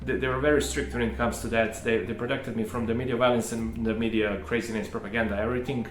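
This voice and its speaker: A man's voice: medium pitch, level tone, quick pace. A man, hosting his own channel and telling a personal story in a hesitant, rambling way full of restarts. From Serbia. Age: 30s. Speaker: channel host. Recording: echoey room with faint music.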